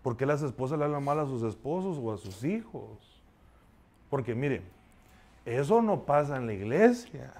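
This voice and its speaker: A man's voice: mid-range voice, big pitch swings, normal speed, darkish tone. A male pastor preaching a sermon in a conversational, confessional way, often turning to his listeners to ask for their agreement and a response. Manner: confessional, shares his own failings.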